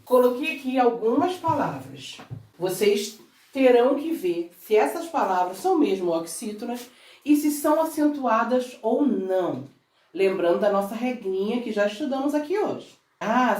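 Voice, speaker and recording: With a slightly high voice and darkish tone, a Brazilian woman teaches children a recorded grammar lesson at the board, her accent Brazilian Portuguese. She coaxes them and pulls each word apart syllable by syllable. The classroom audio sounds roomy and distant.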